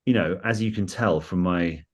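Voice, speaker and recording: This interview guest is a football club staff member from England's home counties with a posh accent. His low, slightly rough voice moves at a moderate pace as he rambles enthusiastically through casual stories, often poking fun at himself.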